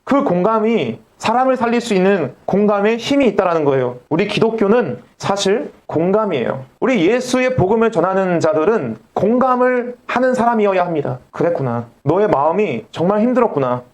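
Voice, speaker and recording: Male pastor, middle-aged, high-pitched preaching voice, rhetorical questions aimed at the pews. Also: very animated, fairly quick, hardly any pauses. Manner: rhetorical questions, addresses congregation directly; acts out quoted voices within the sermon. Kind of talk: sermon.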